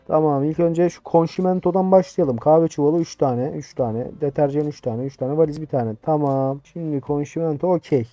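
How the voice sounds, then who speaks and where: A man's voice: mid-range voice, dry recording, lo-fi sound. A young man, commentating a game, talking back to the characters and getting short-tempered. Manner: talks to game characters, grows irritated and shouts insults. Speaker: gaming YouTuber. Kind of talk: casual gameplay commentary.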